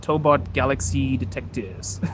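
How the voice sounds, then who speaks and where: Taking it slowly in a mid-range voice, a Zimbabwean streamer and podcast host walks outdoors through the city on a live stream. He chats casually and reads viewer comments, with traffic and street noise making the recording noisy.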